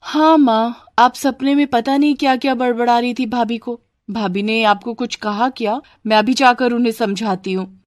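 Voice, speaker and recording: A woman voicing a young daughter who tattles on her sister-in-law in a cartoon, in a high voice. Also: steady tone, normal speed, dry recording, studio quality, lightly acted. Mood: whiny.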